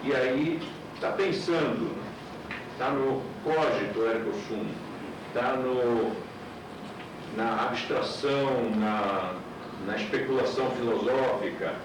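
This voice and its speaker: Male teacher, explanatory lecture with rhetorical questions; old VHS tape sound, hissy and boomy. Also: takes it slowly, heavy reverb, recorded from a distance. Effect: old VHS tape recording. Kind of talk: classroom lecture.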